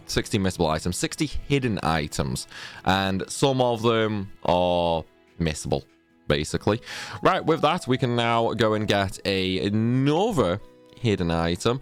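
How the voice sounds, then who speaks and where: A man talking through a game walkthrough in a chatty, rambling way, often correcting himself, and fighting off a sneezing fit. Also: lowish voice. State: sneezy, stuffy from a cold. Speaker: gaming guide creator. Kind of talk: casual game walkthrough commentary.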